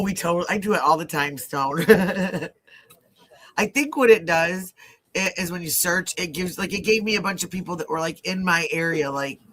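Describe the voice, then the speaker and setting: A man with a high, bright, forceful voice chats loosely on a live true-crime stream. His Midwestern accent mixes Ohio with Southern traits. He rambles casually, using lots of fillers and self-restarts and laughing easily.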